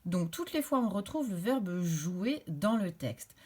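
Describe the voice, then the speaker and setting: A woman teaching a recorded lesson to young children, explaining clearly and patiently step by step. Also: medium pitch, big pitch swings, slow, darkish tone. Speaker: primary school teacher.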